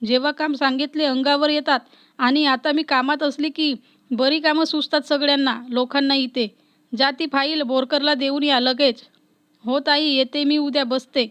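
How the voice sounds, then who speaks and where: A woman voicing a young female officer who is strict, playful and quick to scold. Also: sits high, fairly even intonation, a bit bright. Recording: dull lo-fi recording.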